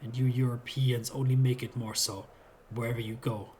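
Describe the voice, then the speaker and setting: A man's voice: medium pitch, level tone, moderate pace, darkish tone, a little hiss or hum, close to an everyday voice. A man reading the lines of a giant gilded iron lion automaton, a grim guardian who speaks in a grating, lordly and threatening way. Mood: menacing.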